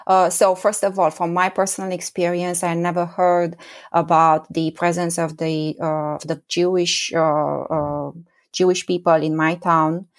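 A woman's voice: on the low side, flat delivery, unhurried. A woman in her forties from Romania, with a Romanian accent, answering interview questions as a history professor, hesitant with many fillers and restarts. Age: 40s.

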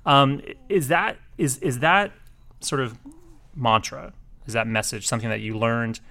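A man's voice: medium pitch, fairly even intonation, measured pace, sharp tone. A man co-hosting a podcast, asking questions with joking asides. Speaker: podcast co-host. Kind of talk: casual podcast interview.

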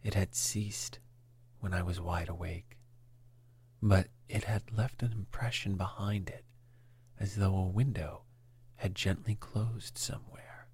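A man reading a classic story aloud in a breathy, calm whisper. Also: sits low, unhurried. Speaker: reader.

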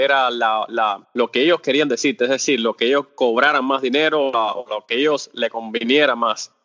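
A Cuban man, a podcast guest who makes off-road videos, answers interview questions in a relaxed, unhurried way, stumbling through fillers and restarting half-finished thoughts as he hunts for words. His medium-pitched voice has a long reverb tail, and the recording as a whole sounds dull and lo-fi.

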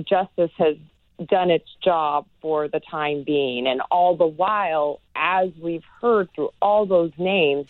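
Guest expert, woman, neuroscience professor, earnest and measured, lowish voice, narrow phone-line sound. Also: dry recording. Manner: earnest, measured, many "you know" fillers. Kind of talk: interview answers.

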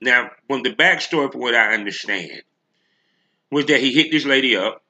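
A man with a very bright, forceful voice at a middling pitch hosts a solo show. He rants straight to his listeners in blunt, slangy language, swearing freely and leaning hard on his points. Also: normal speed, highs cut off. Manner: blunt, profane, slangy, emphatic. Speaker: podcast host.

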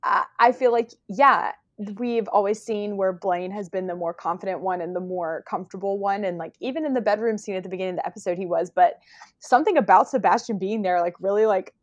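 A woman's voice: medium pitch, brisk, no echo, muffled recording. A woman co-hosting a podcast, talking casually and enthusiastically with many fillers. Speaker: podcast co-host.

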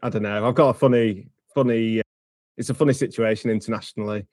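Man, late 30s, English, podcast co-host; low, monotone, rambling delivery. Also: quick pace, no echo. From England. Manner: rambling, many filler phrases. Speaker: podcast co-host, football fan. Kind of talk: casual football podcast chat.

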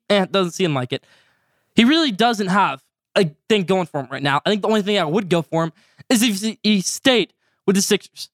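A teenage boy runs his own sports podcast alone, rattling through segments at a fast clip with a high, youthful voice. He gets hyped and drags out segment titles, and the recording is dry and close, with no room sound. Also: no room sound. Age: teens. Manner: energetic, stretches out segment names with excitement. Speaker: podcast host. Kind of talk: solo sports podcast commentary.

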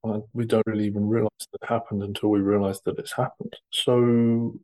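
A man's voice: lowish voice, level tone, fast talker, dark tone, poor audio. A man on a podcast who chats casually, agreeing briefly and at times reading a definition aloud. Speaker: podcast guest. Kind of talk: casual conversational discussion.

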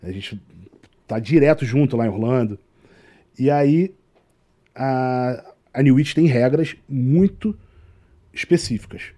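A man's voice: medium pitch, slow pace, pauses often, mellow. A man with a Brazilian Portuguese accent, a tour guide guest telling a story in casual chat and acting out the dialogue.

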